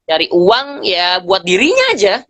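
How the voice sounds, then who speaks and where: A man speaking as a guest on a live stream, telling lively stories in slangy casual talk and acting out bits of dialogue. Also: high-pitched, a little slow, no room sound. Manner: animated storyteller, acts out dialogue, slangy. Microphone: phone on a live video stream.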